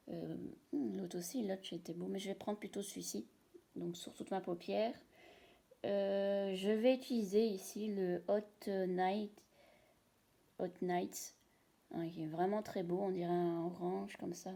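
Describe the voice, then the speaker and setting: Indoors at home, a woman with a medium-pitched, creaky, dark-toned voice does a casual show-and-tell of products she bought. She's chatty and rambling, hesitating often.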